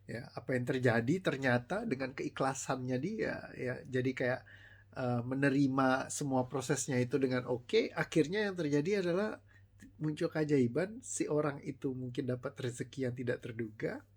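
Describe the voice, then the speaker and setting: A man with a middle-range voice coaches his audience in a relaxed, live motivational talk. He tells stories conversationally and slips into slang and the odd English phrase. When he acts out what other people said, his pitch jumps. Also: moderate pace, husky. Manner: conversational, storytelling, mixes slang and English words; animated, voices quoted people with rising pitch. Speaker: life coach.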